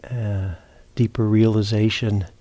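A man with a fairly low, very soft-edged, mellow voice guides a meditation as a teacher at a meditation retreat center. He speaks unhurriedly and haltingly with little pitch movement, leaving long pauses and often repeating a word before continuing.

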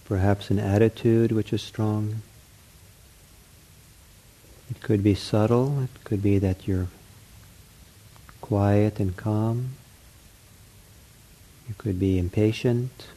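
A man leading a guided mindfulness meditation, speaking gently in short, unhurried phrases with an accepting, reassuring counselor's manner. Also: on the low side, fairly even intonation, rough recording.

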